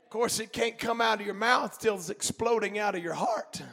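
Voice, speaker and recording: A man preaching a sermon in a church, fervent and shouting in bursts, punctuated with amens and hallelujahs. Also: sits high, normal speed, vocal fry.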